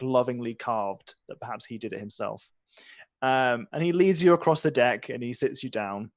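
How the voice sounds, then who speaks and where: A man's voice: mid-range voice, no room sound, clean studio sound. A man runs a tabletop role-playing game as its game master. He improvises scene descriptions in a conversational manner, with very little room sound around his voice.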